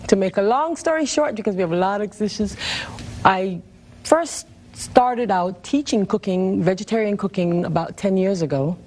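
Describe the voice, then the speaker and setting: A woman's voice: medium pitch, moderate pace, a little mellow, slight background noise. A woman from the Bahamas, a vegetarian cooking teacher, chatting cheerfully as a guest on a cooking show. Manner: cheerful, laughs often, talks with faith. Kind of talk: studio cooking show chat.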